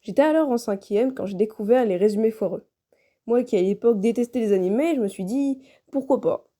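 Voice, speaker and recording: A young woman reads a personal, scripted story as a video creator. Her voice sits a little high, yet the tone is very mellow and dark, with a relaxed sound.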